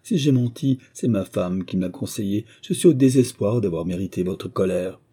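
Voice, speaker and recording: A man's voice: fairly low pitch, animated, moderate pace, warm tone, slightly rough. A man voicing a poor, frightened peasant miller who pleads and begs forgiveness. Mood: pleading. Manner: pleading and tearful.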